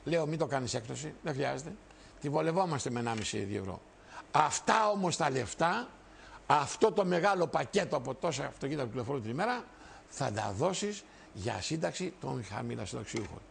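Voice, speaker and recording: Older male TV host, 60s, gravelly, fiery, repetitive political speech to camera. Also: mid-range voice, animated, a little hiss or hum. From Greece. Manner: emphatic, repetitive, addresses viewers directly. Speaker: TV show host and party leader. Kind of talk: impassioned political monologue.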